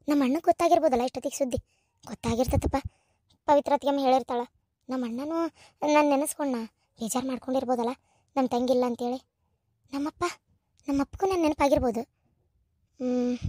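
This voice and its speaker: A woman voicing a young village wife in a cartoon, speaking softly and hesitantly in a North Karnataka Kannada accent. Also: very high voice, no room sound, clean studio sound, pitched above the performer's own voice. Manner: soft, quiet, hesitant. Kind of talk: cartoon voice acting.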